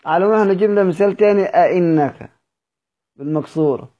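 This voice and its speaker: A man with an Egyptian accent teaching Quran recitation rules in an online lesson, explaining slowly and repeating example words in drawn-out form. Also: sits high, muffled recording. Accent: Egyptian Arabic.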